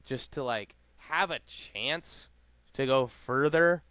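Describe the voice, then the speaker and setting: Recapping a reality show, this man co-hosts a podcast in a casual, slang-heavy style, speaking rapidly and packing in fillers. He has a slightly bright, mid-range voice captured in a dry recording.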